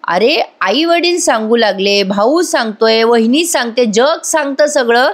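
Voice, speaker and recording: Woman, serial reviewer, chatty voice-over, talks to viewers, slightly high voice. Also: lively intonation, unhurried. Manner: conversational, addresses viewers directly. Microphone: voice-over microphone.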